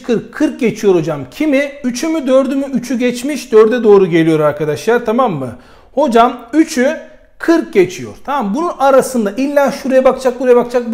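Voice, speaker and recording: A man's voice: high voice, darkish tone. A man teaching a primary school math lesson at a board, explaining step by step, counting aloud and voicing his pupils' answers.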